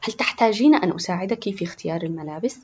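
A woman's voice: fairly low pitch, animated, rapid-fire, darkish tone, lo-fi sound, slight background noise, natural voice. A woman voicing a condescending, nosy neighbor in a storybook. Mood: snide. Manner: snide, condescending.

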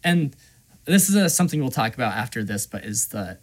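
On a podcast, a male co-host with a medium-pitched voice speaks a little fast as he retells a video game quest in casual chat. He's an animated storyteller who acts out the voices and fills his talk with lots of "like" and "you know."

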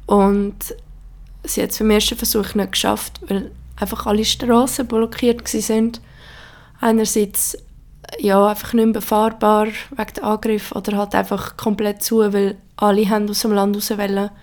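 A young woman with a Swiss German accent, hoarse, giving a serious personal account in a halting way with many pauses. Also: mid-range voice, little pitch movement, a little mellow.

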